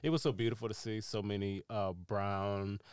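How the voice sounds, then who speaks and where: Lowish voiced guy telling stories on a podcast, really animated, dry sound. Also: moderate pace, clean tone, no echo. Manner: animated storyteller. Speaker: podcast co-host. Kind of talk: casual chat.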